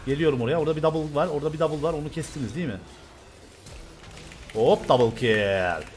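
A young man from Turkey commentating loudly and excitedly on his own gameplay, swearing and shouting at the game. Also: on the high side, rapid-fire, slight background noise. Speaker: gaming streamer.

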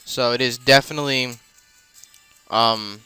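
Bright, clear-voiced man narrating gameplay. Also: mid-range voice, fairly even intonation, a little slow, dry recording, soft background music. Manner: rambling, many fillers and self-corrections. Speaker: let's play host. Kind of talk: casual gameplay commentary.

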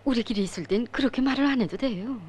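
A woman's voice: fairly high pitch, fast talker, a little mellow, slightly rough. An actress with a North Korean accent playing a courteous, businesslike middle-aged woman official in a film drama. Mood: earnest. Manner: polite, businesslike. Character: composed, courteous woman official, a deputy director.

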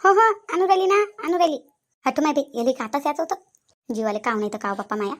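A woman voicing a fast-chattering village wife. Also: sits high, lightly acted. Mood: complaining. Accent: Vidarbha Marathi. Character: bickering rural women of a joint family, cartoon. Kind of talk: cartoon voice acting.

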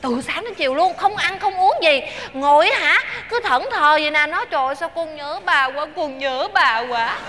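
A young woman playing an excitable, pleading girlfriend in a stage comedy sketch. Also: high-pitched, normal speed, hardly any pauses. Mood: coaxing. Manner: pleading, chatty, laughing often.

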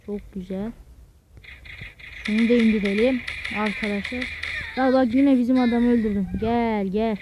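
A young male gamer with a fairly high voice gives excitable, casual commentary as he plays, spurring himself on and chatting to his viewers. Loud game sound effects blast behind him, with gunfire and clicks. He sounds like he is recording on a phone. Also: normal speed, long pauses, background noise. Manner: excitable, keeps urging "vur vur" at enemies and talking to viewers. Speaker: mobile gaming channel host.

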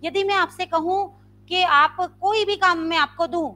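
A woman's voice: very high voice, measured pace. A woman Sanskrit teacher, teaching a live online grammar class and quizzing her students with repeated questions. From India. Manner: quizzing students with repeated questions, demonstrating loud and soft sounds.

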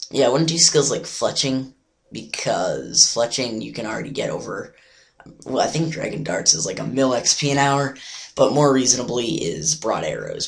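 A man hosting a gaming video with a hoarse, sore-throat voice that sounds half gone. It is gravelly and creaky at a medium pitch. He rambles casually through tips, hesitating as he thinks aloud. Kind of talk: casual game tips commentary.

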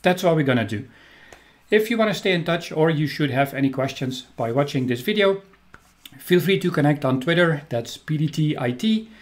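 A middle-aged Belgian man with a Belgian accent, speaking on the high side with lively intonation at a moderate pace, gives a recorded technical presentation as a trainer. He is upbeat and enthusiastic, with frequent ums.

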